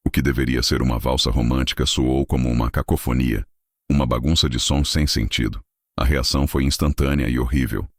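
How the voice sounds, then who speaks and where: Very deep man narrating a drama story, dry close sound, measured. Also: no echo.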